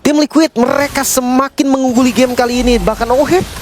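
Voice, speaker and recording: An Indonesian man provides live game analysis in a high voice. He speaks emphatically as the analyst co-caster and repeats phrases to underline his points. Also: steady tone, fairly quick, very noisy.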